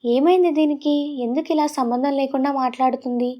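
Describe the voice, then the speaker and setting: A woman's voice: high voice, fairly even intonation, brisk, warm tone, natural voice. Woman voicing a pressing young husband. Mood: stern. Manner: pressing, demanding questions. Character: young husband, brusque but caring.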